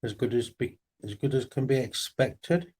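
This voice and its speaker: A man's voice: medium pitch, expressive, normal speed, a little mellow, slightly rough. A man hosting a casual evening live stream, greeting viewers by name in a friendly way.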